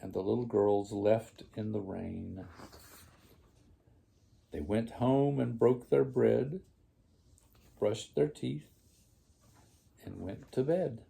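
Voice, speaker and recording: Slow, gravelly old man reading a storybook. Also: on the low side, warm tone. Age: older, grandfather. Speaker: grandfather reading to a child. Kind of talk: storybook read aloud.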